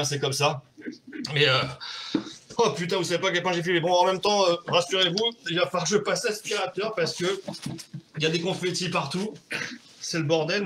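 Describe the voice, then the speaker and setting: A man hosts a casual home livestream, still out of breath and excitable after a stunt. His voice sits a little high, and he talks in quick, chatty bursts with the odd curse. He is picked up by a webcam mic in a room at home. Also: background noise. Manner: breathless, excitable, swearing and laughing. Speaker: livestream host.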